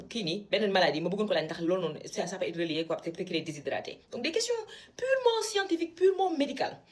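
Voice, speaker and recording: A young woman from Senegal, a medical student, telling a story casually and with indignation, switching between French and Wolof. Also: on the low side. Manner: animated, indignant retelling.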